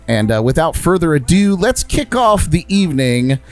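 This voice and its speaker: A man hosting a live music podcast, upbeat and quick to laugh. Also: fairly high pitch, sing-song, darkish tone. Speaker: podcast host. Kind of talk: casual live show chat.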